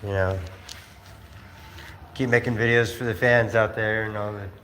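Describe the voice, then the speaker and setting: A man's voice: lowish voice, fairly even intonation, normal speed, pushed and bright. Rambling, laughing man on a livestream. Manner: rambling, laughing storyteller with many fillers. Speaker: streamer. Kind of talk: casual livestream storytelling. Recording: roomy space with faint noise.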